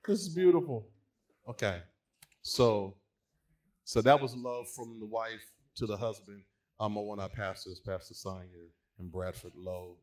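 A man's voice: fairly low pitch, flat delivery, measured pace. A man, a pastor, leading a church brunch and inviting families up to share gifts of love. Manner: warm, encouraging, calls people up. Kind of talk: hosting a church brunch presentation.

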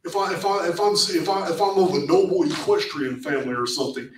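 Middle-aged guy giving an excited talk in a meeting room, kinda high voice, echoey and far from the cam, trips over his words a lot. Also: fast, a little hiss or hum. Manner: animated, repeats words, many restarts. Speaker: presenter at a meetup. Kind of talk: casual lecture to a small audience. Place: meeting room with projector screen. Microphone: far camera at back of room.

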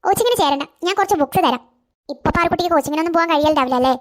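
Woman voicing a sweet older cartoon girl giving advice, high and quick, gentle. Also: lightly acted. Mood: advising. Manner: gentle, encouraging, advising. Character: kind older girl, caring and reassuring. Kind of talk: cartoon voice acting.

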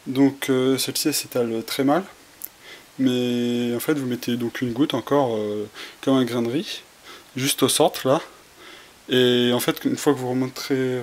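A man giving a casual how-to demonstration, talking through each step with many fillers and restarts while he works with his hands. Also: mid-range voice. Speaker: tutorial presenter. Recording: faint hiss, home camera audio.

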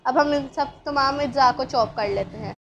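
A woman with a Pakistani Urdu accent hosting a cooking channel, narrating a recipe step by step in a calm, instructive way and addressing viewers directly. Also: sits high, moderate pace, slight background noise. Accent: Urdu-speaking Pakistani. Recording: dull lo-fi sound, faint room ambience.

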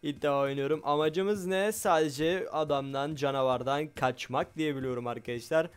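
A man giving excitable let's play commentary on a game, loud and jumpy, swearing often and talking straight to his viewers. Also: on the high side, normal speed, clean tone. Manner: loud, shouts a lot. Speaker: gaming YouTuber.

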